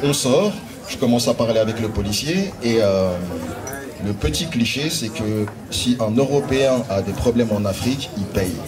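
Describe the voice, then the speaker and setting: A man's voice: mid-range voice, lively intonation, moderate pace, a crowd in the background. A man from France doing stand-up, telling a story in a casual, anecdotal way with hesitant fillers. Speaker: stand-up comedian. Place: live stage before an audience. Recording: distant mic over a loud audience.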